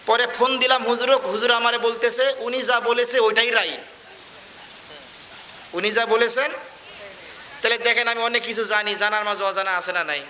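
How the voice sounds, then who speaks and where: A man's voice: very high-pitched, fairly even intonation, moderate pace, long pauses, bright, forceful tone, slight background noise. A man preaching a sermon, telling stories and often asking whether the crowd understands. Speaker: Islamic preacher.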